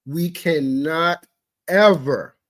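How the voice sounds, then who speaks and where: Heated man ranting, fairly high voice. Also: drawn-out words. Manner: heated, profane ranting broken by repeated apologies; stammering restarts when upset. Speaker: livestream talk show regular. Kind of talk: impassioned livestream commentary.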